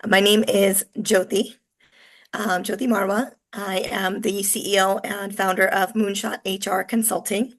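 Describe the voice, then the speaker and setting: A woman in her forties, hoarse and coarse-voiced from illness, giving an upbeat, chatty online presentation over a video call with lots of fillers. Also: mid-range voice, flat delivery, a little slow. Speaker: webinar presenter.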